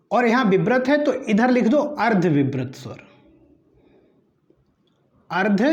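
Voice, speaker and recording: A man's voice: very high-pitched, reverberant. A man teaching an exam-prep grammar lesson, quizzing the class and answering himself while drilling each term. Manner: asks quiz questions and answers them himself, repeating terms; slow, deliberate drilling of each item.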